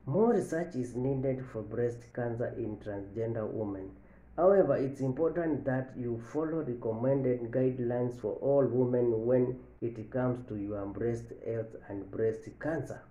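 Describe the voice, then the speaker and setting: A man in his thirties giving a health lesson to camera from an office, slowly repeating each point and stressing the key lines. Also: medium pitch, mellow, highs cut off. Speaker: medical educator. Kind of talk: health education talk to camera. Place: office with large window, indoors. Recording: echoey room.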